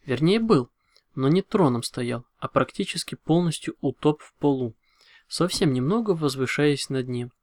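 Man reading a story calmly. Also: on the high side, normal speed, no room sound, studio quality. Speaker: narrator. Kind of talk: first-person audiobook narration.

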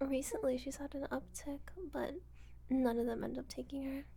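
A woman playing a haughty, bullying purebred cat girl in a breathy ASMR role-play, condescending one moment and fawning the next. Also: sits high, moderate pace. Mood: mocking, smug. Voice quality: breathy, soft-spoken. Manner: condescending, cutting, gushing and meowing when flattering.

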